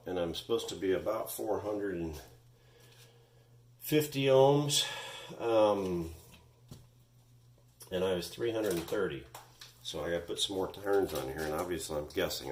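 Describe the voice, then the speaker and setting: A vintage electronics repair host casually walks through a fix at his home workbench, thinking aloud with frequent pauses and ums. His voice sits low, and a phone camera on a tripod records this casual workshop walkthrough.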